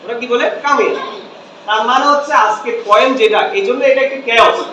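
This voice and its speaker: A man teaches a lesson in a high, bright voice, posing questions to his students and answering them himself. He is recorded from a distance in an echoey room with a faint hum behind him. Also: quick pace. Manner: switches between Bengali and English. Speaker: English teacher. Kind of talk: classroom lecture.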